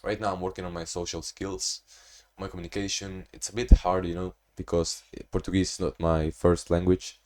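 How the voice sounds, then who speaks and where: In a casual home-recorded video diary, a young vlogger with a low, deep voice recounts his day at a moderate pace with hardly any pauses. His speech stays monotone and rambling, punctuated by restarts and stray asides.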